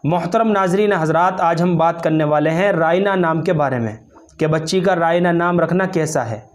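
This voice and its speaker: A man with a fairly high voice teaches a formal religious lesson as a cleric. He speaks in a measured, formal way and recites Arabic phrases at the start. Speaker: Islamic cleric explaining name meanings.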